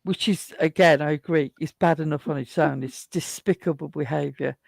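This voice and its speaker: A woman's voice: deep voice, steady tone, moderate pace, vocal fry, darkish tone, dry recording. Chatty woman rambling on a livestream. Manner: rambling, chatty, laughs often. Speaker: livestream co-host. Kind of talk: casual chat reading a live chat.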